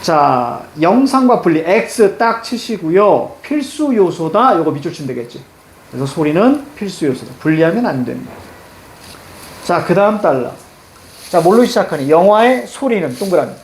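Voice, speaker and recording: Lively teacher who keeps saying "자". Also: male voice, high-pitched, moderate pace, echoey room, a little hiss or hum. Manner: lively, repeats "자" constantly, prompts students with questions. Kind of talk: exam reading lesson.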